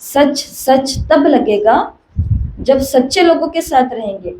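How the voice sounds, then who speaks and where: Woman, spiritual teacher, sermon, emphatic repeated questions, fairly high pitch, echoey room. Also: animated, slow, mellow. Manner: repetitive emphatic questioning, storytelling. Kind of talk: spiritual discourse. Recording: echoey room with faint hiss.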